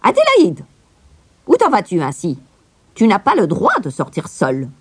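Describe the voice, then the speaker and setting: A woman's voice: medium pitch, wildly swooping pitch, moderate pace, breathy edge, no room sound, pitched above the performer's own voice, full character voice. A woman voicing a strict, haughty governess in a storybook, scolding and disdainful. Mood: indignant. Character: stern, haughty female governess. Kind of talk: storybook reading. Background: music.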